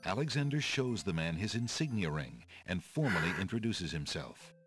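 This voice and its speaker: A formal storyteller narrating a fairy-tale adventure game. His voice is low, with expressive, wide-moving intonation. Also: normal speed. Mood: measured storytelling.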